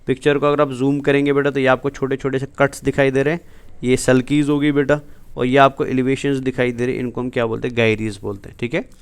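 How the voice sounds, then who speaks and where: A man gives a biology lesson in a smooth, clear voice. He walks his students through the material, poses questions and answers them himself, and slips English terms and whole sentences into his speech. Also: medium pitch, little pitch movement, fast. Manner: keeps asking and answering his own questions, calls students "beta". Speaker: biology teacher. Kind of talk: exam-prep lecture over slides.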